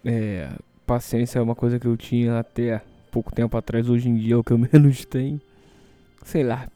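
A man's voice: medium pitch, warm tone. A hungover Brazilian man hosting a casual solo show, rambling and hesitant as he talks. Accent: Brazilian Portuguese.

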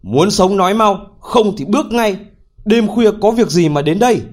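A man's voice: sits high, expressive, moderate pace, a little mellow, voice pushed up. A male storyteller voicing a foolish, bold young man who speaks bluntly and pleads with his elders. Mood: threatening.

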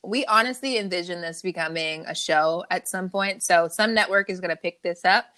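A woman's voice: lowish voice, moderate pace, bright, forceful tone. A woman co-hosting a podcast in brash, profane, playful casual chat. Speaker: podcast co-host.

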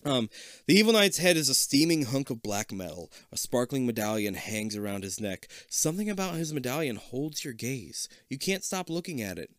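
A man's voice: mid-range voice, sing-song, normal speed, fairly bright tone, dry recording, clean studio sound. A man casually reading an adventure gamebook aloud, with joking asides. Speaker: reader.

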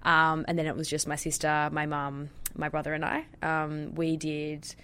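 A woman's voice: low voice, completely flat delivery, moderate pace, pushed and bright, smooth. A young woman from Tasmania with an Australian accent, a dietitian chatting casually as a podcast guest with frequent ums. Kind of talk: casual interview.

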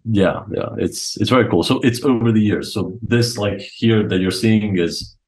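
Speaking at a moderate pace with a lowish, somewhat dark voice, this young chess coach from Croatia is a guest on a casual interview podcast. He tells stories in an eager, informal way.

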